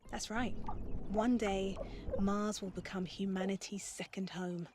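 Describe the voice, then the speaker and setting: A woman's voice: medium pitch, steady tone, unhurried, background noise, natural voice. An actress voicing a hopeful woman scientist who talks earnestly and encouragingly to an AI. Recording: music clearly behind.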